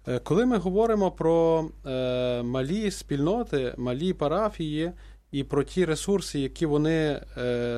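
A priest on a radio call-in show who speaks. He pauses often and restarts his sentences, filling the gaps with drawn-out sounds. His voice sits at an ordinary male pitch. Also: a little mellow. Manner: hesitant, many fillers and restarts. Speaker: priest guest. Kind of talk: radio talk-show answers.

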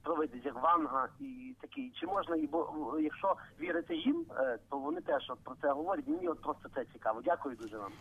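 Gravelly fast-talking man on a phone line. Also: fairly high pitch, sing-song. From Ukraine. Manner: hesitant, restarts often. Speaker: caller. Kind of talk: phone-in question to a radio show. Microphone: telephone.

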